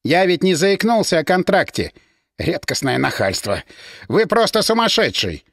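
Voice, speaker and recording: Man playing an angry businessman, impatient, lively pitch. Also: normal speed, vocal fry, no echo, studio quality, heavily acted. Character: irritated male TV company owner.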